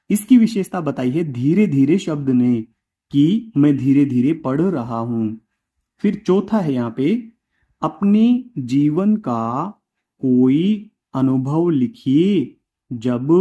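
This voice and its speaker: A male teacher slowly explaining a workbook homework to children, repeating answers and dictating words one by one. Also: fairly high pitch, warm tone, dull audio.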